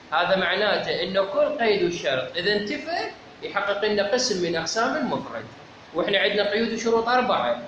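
A man with an Iraqi accent teaching a seminary lecture on logic, methodical, asking rhetorical questions and answering them himself. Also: high-pitched. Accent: Iraqi Arabic. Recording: very echoey, dull lo-fi, clear background noise.

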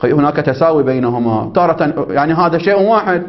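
Fast-talking man teaching a class. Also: on the high side, animated. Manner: quizzes listeners with prompting questions, checks understanding. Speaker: religious law teacher. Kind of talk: seminary lecture, reading and explaining a text. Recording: dull lo-fi recording.

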